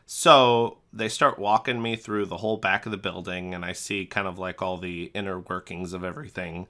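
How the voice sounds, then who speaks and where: Young guy podcasting, storytelling w big jumpy quote voices, lowish but bright and punchy. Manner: animated storyteller, acts out quotes with big pitch jumps. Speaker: podcast co-host. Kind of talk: casual storytelling chat.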